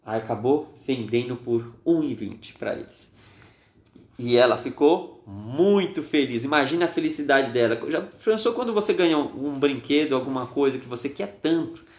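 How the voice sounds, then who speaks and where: Animated man telling a children's Bible story. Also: mid-range voice, moderate pace. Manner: animated storyteller, acts out the characters. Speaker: children's minister. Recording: echoey room.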